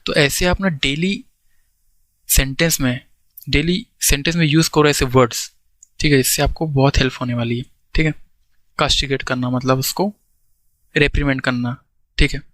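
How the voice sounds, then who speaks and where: A man's voice: medium pitch, a bit bright, no echo. Hindi-speaking man teaching vocabulary. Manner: explains in Hindi with English words, frequent "ठीक है?" check-ins; slow, deliberate reading of English definitions. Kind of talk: exam-prep vocabulary lesson.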